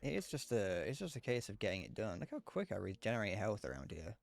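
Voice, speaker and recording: Faint music plays behind a young British streamer who talks fast in a fairly low voice with vocal fry and big pitch swings. His casual chat over the game sounds slightly whiny, rambling and self-deprecating, with some swearing.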